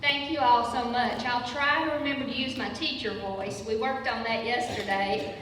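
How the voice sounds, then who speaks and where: An older woman from Patrick County, Virginia, with a Southern US accent, gives a folksy, informal public lecture in a conversational way as a guest lecturer and local history teacher. Her voice is a little high with fairly even intonation and normal speed. She's in a large, very echoey hall, picked up by a distant mic with faint noise.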